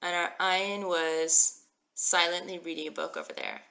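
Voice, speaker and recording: A woman teaches a live-streamed Hebrew reading class. Her voice is bright and ringing, upbeat and encouraging, as she cheers on viewers by name and walks them through each letter. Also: lowish voice, steady tone, moderate pace, creaky. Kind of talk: live-streamed language lesson. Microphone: phone live stream.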